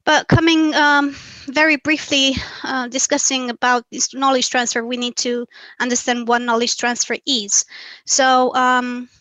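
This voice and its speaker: A woman's voice: high voice, level tone, unhurried, bright, forceful tone, no room sound, low-quality recording. Earnest woman. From Romania. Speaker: webinar presenter. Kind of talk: academic presentation.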